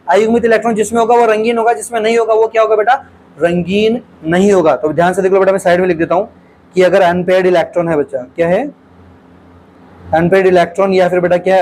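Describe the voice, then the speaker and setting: A man's voice: high-pitched, darkish tone, slight background noise, rough recording. A male teacher solves exam questions aloud in a lecture, keeps calling his students "beta", and asks questions and repeats the answers.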